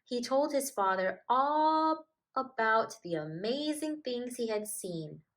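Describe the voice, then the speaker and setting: This teacher's fairly high voice moves slowly with lively intonation as she reads a story to young kids. Between passages, she speaks to them in simple, gentle, encouraging terms.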